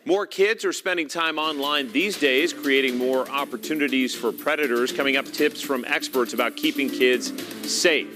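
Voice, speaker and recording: A man reading scripted local news as an anchor, polished and clearly projected. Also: medium pitch, normal speed, music in the background.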